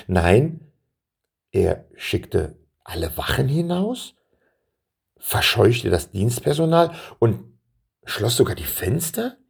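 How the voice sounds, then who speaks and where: Deep, gravelly male storyteller. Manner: calm, addresses young listeners directly. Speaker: storyteller for children. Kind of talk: children's story reading.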